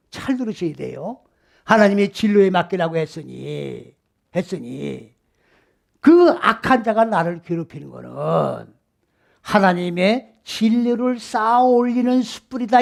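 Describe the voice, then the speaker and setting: A man's voice: high-pitched, gravelly. A middle-aged man from South Korea preaching an expository sermon, emphatic and full of rhetorical questions to his congregation. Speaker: pastor.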